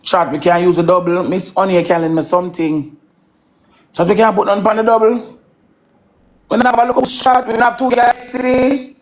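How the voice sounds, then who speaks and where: A woman's voice: mid-range voice, steady tone, moderate pace. A Jamaican woman in her thirties hosting a live stream, coaxing her chat with repeated call-outs in patois. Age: 30s.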